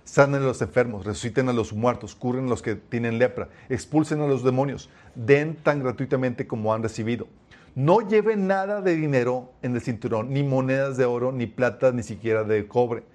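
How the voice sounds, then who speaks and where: Man preaching a lively sermon. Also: mid-range voice, normal speed. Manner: addresses listeners as "chicos", lively storytelling.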